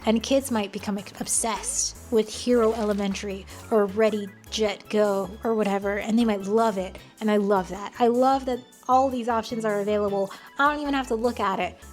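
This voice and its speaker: A woman's voice: medium pitch, steady tone, normal speed, few pauses. An American woman giving casual, opinionated commentary in a blunt, wry, conversational way. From United States. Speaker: video commentator. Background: music.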